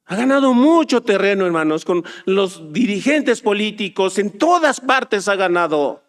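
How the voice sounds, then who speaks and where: A man with a high voice delivers a church sermon. He drops into soft, low asides, then climbs into loud, urgent exhortation. The delivery stays impassioned throughout. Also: lively intonation, unhurried. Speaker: preacher.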